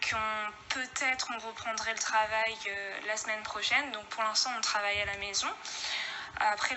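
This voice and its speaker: A woman's voice: fairly high pitch, background noise. A woman from Réunion, a guest giving a casual spoken testimony, hesitant and full of fillers, recorded at home.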